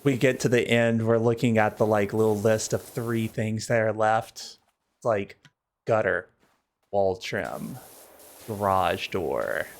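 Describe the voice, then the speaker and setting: A man with a fairly low voice streams a game, speaking slowly as he plays. His chat is casual, laid-back and wry, and he thinks aloud along the way.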